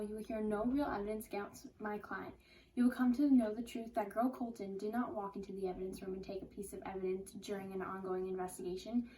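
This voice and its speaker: A woman's voice: medium pitch, darkish tone, close to an everyday voice. A woman playing an earnest defense lawyer in an amateur courtroom role-play. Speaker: defense lawyer in a mock trial. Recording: distant mic with faint noise.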